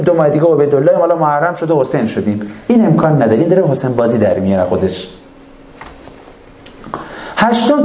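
A man delivering a sermon in a mellow, slightly raised voice, recorded in an echoey room. He acts out both sides of imagined conversations with his audience, with dramatic shifts in tone. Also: a little high. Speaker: preacher. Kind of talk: religious sermon with acted dialogues.

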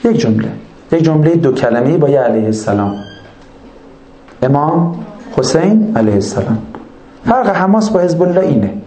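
A man's voice: fairly high pitch, animated, long pauses, dark tone, a little hiss or hum. Man preaching with dramatic acted dialogues. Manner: dramatic, acts out both sides of imagined exchanges. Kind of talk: religious sermon with acted dialogues. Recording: echoey room.

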